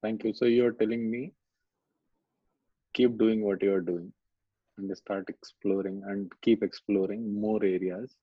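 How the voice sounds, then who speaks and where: A man with a North Indian accent talks conversationally about his own life in a halting, hesitant way. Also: on the low side, fairly even intonation, husky. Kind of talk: conversational coaching discussion. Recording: dull, roomy, lo-fi recording.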